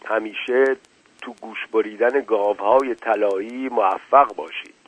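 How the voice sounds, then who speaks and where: A man voicing an effusive, flattering gambler. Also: fairly low pitch, natural voice. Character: flattering, jokey male gambler. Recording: dull lo-fi dry recording.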